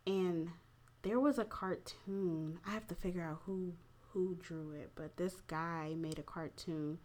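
Female host, low register, mildly tipsy, blunt and informal, opinionated conversational delivery. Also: fairly even intonation, a little slow, darkish tone. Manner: candid, profane, informal slangy phrasing. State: a little tipsy. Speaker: podcast host. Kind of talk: casual opinionated talk.

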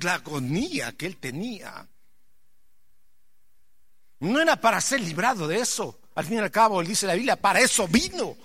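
A man preaching a sermon, impassioned and rising to near-shouts, putting questions straight to his congregation. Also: high voice, breathy edge. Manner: addresses the congregation directly with questions.

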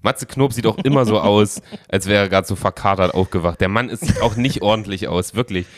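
A man co-hosting a podcast in casual chat, animated, with restarts and filler words. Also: on the low side, fairly quick, no room sound, studio quality. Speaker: podcast co-host.

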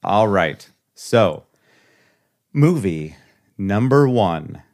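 A man's voice: on the low side, big pitch swings, drawn-out words, a little mellow. A man hosting a casual chat, quizzing his friend on movie clips with easy jokes. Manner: jokey, runs a quiz game. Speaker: podcast host.

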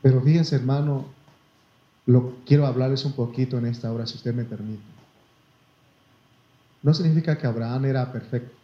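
Steady in tone and moderate in pace, with frequent pauses, a medium-pitched male preacher with a Mexican Spanish accent reads Bible verses. He speaks in a folksy way, addresses listeners as brother, and asks for amens; the room echoes and the sound is slightly muffled.

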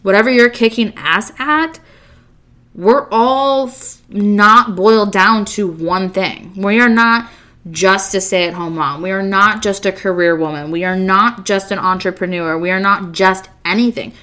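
A woman's voice: medium pitch, unhurried, pushed and bright. A woman hosting a podcast, talking in a candid, casual monologue full of rhetorical questions and the odd swear word. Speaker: podcast host.

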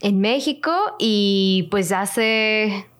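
A woman's voice: mid-range voice, drawn-out words. Mexican woman in her late twenties, rambling chat. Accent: Mexican Spanish. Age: 20s. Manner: rambling, many fillers and restarts. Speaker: podcast co-host. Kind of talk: casual chat.

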